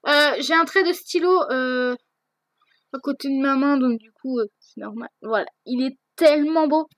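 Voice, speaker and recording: A woman's voice: high voice, moderate pace, no room sound. A teenage girl answering viewer questions in a casual vlog, hesitant, with many fillers and restarts. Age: teens. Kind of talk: casual chat.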